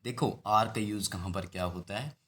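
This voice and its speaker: Low-voiced man teaching phonetics. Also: fairly bright tone. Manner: explains slowly, repeats and stretches example words. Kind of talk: phonetics lesson.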